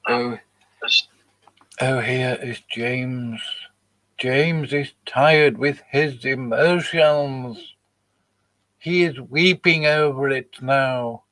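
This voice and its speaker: Slow, scornful man commenting on clips. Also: medium pitch, fairly even intonation, a bit bright. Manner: mocking, scornful, dismissive. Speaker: channel host reacting to videos. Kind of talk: live commentary on played clips.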